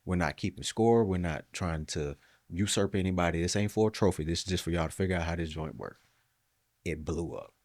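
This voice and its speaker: Man, deep voice, dry close sound, animated motivational storyteller in casual podcast chat. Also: dry recording.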